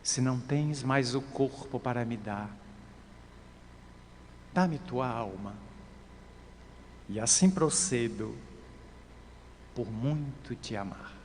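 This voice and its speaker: A man voicing a gentle, loving savior, speaking hushed, low and slow in a long-reverb hall. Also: slight background noise. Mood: tender. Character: gentle, loving male savior, tender and calm.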